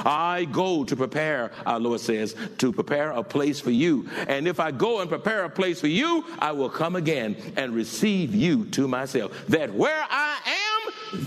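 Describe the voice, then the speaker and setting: A man preaching a sermon, building from calm teaching to loud shouting and chanting. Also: medium pitch, creaky, long reverb tail.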